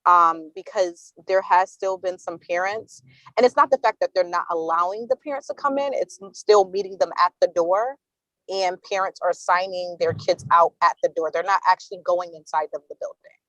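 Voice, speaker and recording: A woman's voice: lowish voice, normal speed, fairly bright tone, no room sound, muffled recording. A woman speaking on a car speakerphone while driving, joining a committee meeting call. She talks hesitantly, with many fillers and restarts. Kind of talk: casual meeting discussion on a call. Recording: dry speakerphone audio from a car.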